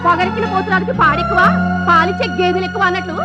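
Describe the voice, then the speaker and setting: A woman in a film, a sharp-tongued, scolding sister-in-law. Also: very high voice, racing, loud music behind the voice. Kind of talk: film dialogue.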